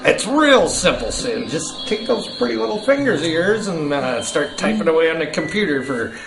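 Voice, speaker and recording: A man's voice: on the high side, big pitch swings, moderate pace, creaky. A man speaking as a horror host in jokey, playful banter. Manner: jokey, chuckling through his talk. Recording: roomy sound with music behind. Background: music.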